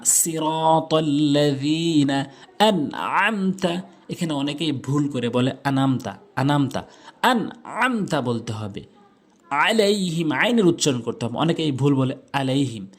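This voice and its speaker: A man teaching Quran recitation, spelling out Arabic letters syllable by syllable and reciting verses in a drawn-out chant. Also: medium pitch, breathy edge. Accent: Bangladeshi Bengali. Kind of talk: tajweed lesson with chanted recitation.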